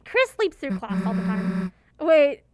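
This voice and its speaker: A woman livestreamer chatting casually over a game and reading viewer comments, expressive, giggly and rambling. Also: high-pitched, measured pace, no echo. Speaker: livestreamer playing and voicing a game.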